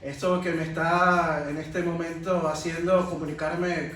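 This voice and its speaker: A higher-voiced man with a Venezuelan Caribbean accent addresses a round table, often checking in with rhetorical tags. The sound is very reverberant and picked up from a distance. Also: level tone, measured pace, a bit bright. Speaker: panel speaker and history communicator. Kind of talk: public talk at a round table. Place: echoey room in a monastery, before an audience. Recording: very echoey, distant mic, faint noise.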